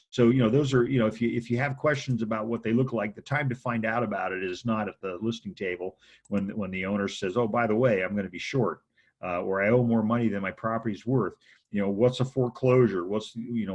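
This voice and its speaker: A man's voice: lowish voice, slightly rough. A man teaching real estate contracts in a casual lecture, often checking in with "okay?" and "right?". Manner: chatty, frequent "okay?" and "right?" check-ins. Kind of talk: informal training lecture.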